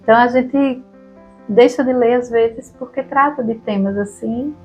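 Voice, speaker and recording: A woman with a Brazilian Portuguese accent co-hosting a relaxed conversation about reading aloud to children, often tagging her sentences with questions. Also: a little high, a little slow, lo-fi sound, soft background music. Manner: relaxed, chatty, frequent tag questions. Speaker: podcast co-host.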